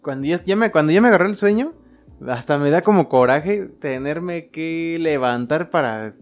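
A man's voice: a little high, lively intonation, normal speed, faint music behind. A young man with a Mexican Spanish accent, telling a crude, slang-heavy story in a casual chat. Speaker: podcast co-host.

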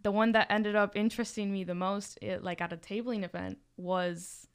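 A woman's voice: medium pitch, steady tone, moderate pace, clean tone. A young woman from Miami talking casually on a podcast as a student club leader, chatty and full of fillers. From Miami, Florida. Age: young adult. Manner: chatty, with many fillers and restarts.

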